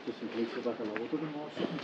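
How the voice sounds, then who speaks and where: A man talking quietly, often away from the mic, while exploring an abandoned site outdoors with a friend. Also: medium pitch, rapid-fire. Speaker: exploring companion. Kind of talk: casual walkaround chat. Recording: muffled outdoor camera audio with loud background noise.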